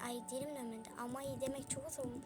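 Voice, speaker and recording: A woman's voice: high voice, big pitch swings, rapid-fire, over loud music. A woman giving casual let's-play commentary, chatty and exclaiming as she talks to her viewers. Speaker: gaming YouTuber.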